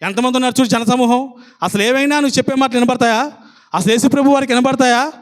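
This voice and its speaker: A man's voice: very high voice, fast talker. A man preacher voicing bystanders who scold and mock a blind beggar. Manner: scolding, mocking. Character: scolding crowd rebuking a beggar.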